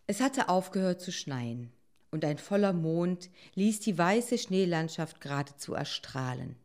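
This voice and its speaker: A woman calmly reading a children's animal story aloud as narrator. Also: on the low side.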